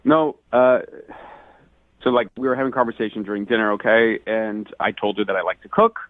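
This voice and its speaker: A man's voice: fairly low pitch, fairly even intonation, fairly quick, no room sound. A man calling in to a radio show, indignant and increasingly worked up as he tells his story. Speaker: caller. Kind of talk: phone call on a radio show. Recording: tinny phone line.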